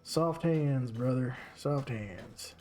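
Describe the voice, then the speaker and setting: A man voicing a gruff male laborer with a Southern US accent, talking low, quiet and drawling. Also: drawn-out words.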